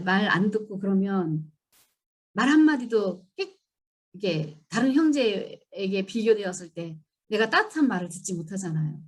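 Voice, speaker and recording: A woman giving a church seminar lecture, telling stories and acting out scolding lines in an animated way. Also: on the high side. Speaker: seminar speaker.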